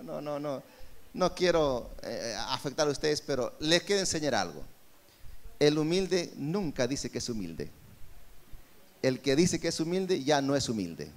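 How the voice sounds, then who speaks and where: A man with a Peruvian Spanish accent preaching a sermon at a church service, asking his congregation rhetorical questions. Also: on the high side. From Peru. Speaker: pastor.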